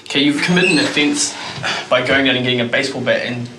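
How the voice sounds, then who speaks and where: A man's voice: medium pitch, fast talker. A male police officer with a broad New Zealand accent, asking interview questions and explaining matters in everyday words. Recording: echoey room, faint background noise.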